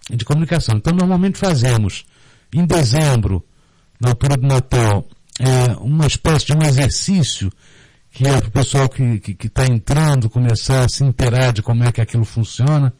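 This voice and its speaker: A middle-aged man, a storyteller and theatre group director born in Rio de Janeiro and raised in Recife, is a guest in a casual radio interview. He explains things haltingly, often repeating words, in a Brazilian Portuguese accent. His mid-range voice is warm, and the studio sound is dry and close.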